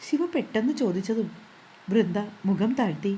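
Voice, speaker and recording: A woman narrating a romantic novel in a steady, even reading voice. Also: mid-range voice, moderate pace, slight background noise, poor audio. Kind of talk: storybook narration.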